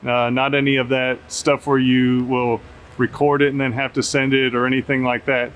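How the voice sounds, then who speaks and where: Off the cuff and outdoors, a male drone tester hosts a casual field test, speaking into a camera microphone at medium pitch and normal speed. The setting is an open shelter at an airfield, recorded as noisy camera audio with a steady background hum.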